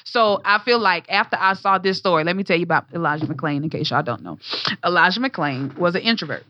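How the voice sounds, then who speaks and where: A woman's voice: fairly low pitch, animated, brisk, pushed and bright, lo-fi sound. A young adult woman and entertainer, telling a story in casual talk with passionate, blunt, profane energy. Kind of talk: casual talk show conversation.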